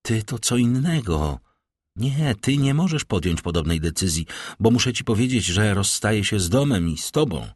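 A grieving noble mother speaks with quiet, earnest resolve, as a male narrator reads her part. The voice sits very low and dry, close to the mic. She is heard in an audiobook. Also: very animated, normal speed, breathy edge, no echo. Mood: tender resolve.

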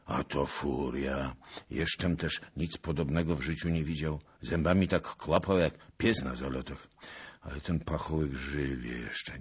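A man's voice: medium pitch, slightly rough, pitched above the performer's own voice, heavily acted. A man voicing a boisterous, garrulous old nobleman who swears colorful oaths, in an audiobook. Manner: loud, exclaiming, mock-pompous oaths. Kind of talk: audiobook character voice.

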